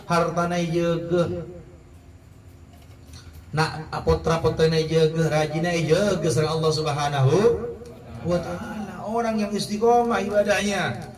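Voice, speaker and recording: A middle-aged preacher delivers a lively sermon in a slightly high voice. He is recorded from a distance in an echoey hall, with a crowd audible around him. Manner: lively, asks the crowd questions, acts out quoted people. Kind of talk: Islamic sermon. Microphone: wireless mic. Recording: echoey crowd room, voice from afar.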